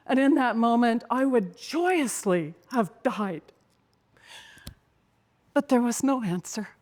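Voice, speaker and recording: A woman telling a dramatic personal story in a slow, intense way, sometimes sinking to a whisper. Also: fairly high pitch, animated, darkish tone, big-room sound. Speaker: speaker.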